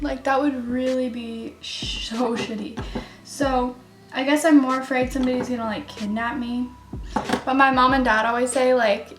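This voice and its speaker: Chatty young woman in an echoey room. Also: high-pitched. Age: young adult. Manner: rambling, filler-heavy, giggly. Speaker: beauty vlogger. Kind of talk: chatty get-ready-with-me storytelling. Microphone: camera mic. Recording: echoey room with faint music.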